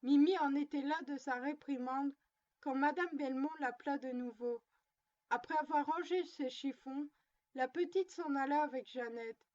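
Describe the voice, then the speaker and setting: A woman narrating a storybook in a calm, measured way. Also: sits high, muffled recording.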